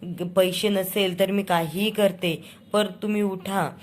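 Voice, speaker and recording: A woman's voice: medium pitch, steady tone, slow pace, slight background noise, close to an everyday voice. A woman quoting a distressed, tearful middle-aged wife in a serial recap, with pleading, anxious lines.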